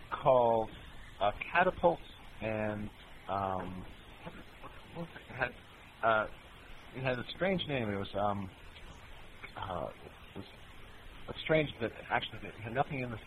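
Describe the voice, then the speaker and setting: A man in a band answering fan questions in a relaxed, rambling way with many ums and uhs. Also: lowish voice, background noise. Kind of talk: casual Q&A chat.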